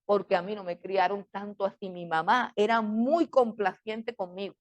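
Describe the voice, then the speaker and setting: A woman's voice: mid-range voice, fairly even intonation, normal speed. A middle-aged woman teaching a Bible class in a fiery preaching style. She scolds with emphatic repetitions and keeps firing off rhetorical questions.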